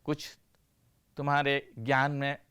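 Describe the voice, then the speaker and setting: Slow, clear-voiced male teacher. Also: medium pitch, completely flat delivery, a bit bright. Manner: slow, questioning, answers his own questions with "हाँ" and praise. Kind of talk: classroom lecture.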